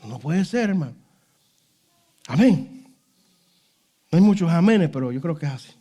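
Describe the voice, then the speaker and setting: A male pastor preaching with fervor. His voice sits high for a man and swings up and down as he fires off rhetorical questions. He keeps calling out "brother" and "hallelujah" between phrases. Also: animated, moderate pace, mellow. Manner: fervent preaching, constant "hermano" and "aleluya" interjections; rhetorical questions, voice rises and falls sharply. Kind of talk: sermon.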